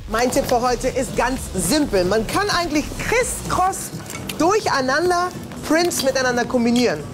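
A woman's voice: high-pitched, moderate pace, over music. A woman hosting as a stylist on a city street, talking in an upbeat way and mixing in English phrases. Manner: lively, mixes in English phrases. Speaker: stylist and host. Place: busy city street outdoors.

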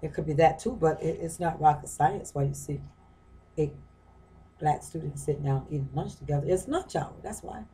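A woman's voice: low-pitched, moderate pace, mellow, slight background noise, poor audio. A woman giving an informal lecture from home, talking through a book in a conversational way, often repeating phrases and asking rhetorical questions. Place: her home.

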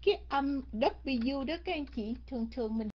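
Woman language teacher, higher voice, unhurried syllable-by-syllable drilling, muffled lo-fi sound. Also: animated. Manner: slow, drilling words syllable by syllable. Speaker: English teacher. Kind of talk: pronunciation lesson. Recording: dull lo-fi recording.

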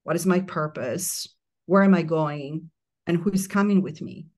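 Italian-born woman in middle age, low pitched, calm reflective interview guest. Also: moderate pace. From Italy. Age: middle-aged. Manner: calm, reflective, speaks in long flowing phrases. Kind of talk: casual interview chat. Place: remote mountain home, remote interview.

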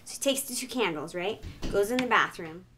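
A woman's voice: medium pitch, lively intonation, fairly quick, a bit bright, a little hiss or hum. A woman casually telling a scary story to a friend in a chatty way, full of "like" and "right?", and putting on voices for the characters.

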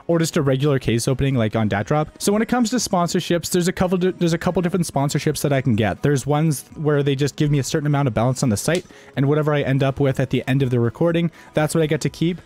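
A man's voice: a little high, a little mellow. A young man, a gaming YouTuber, chatting casually and jokingly, rambling with lots of fillers and restarts. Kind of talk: casual joking vlog talk.

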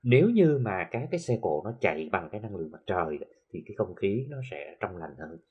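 A man with a Southern Vietnamese accent teaching an English lesson, explaining slowly with many filler sounds and reading English examples carefully. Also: deep voice, sing-song, slightly rough, lo-fi sound. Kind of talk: recorded classroom lesson for TV.

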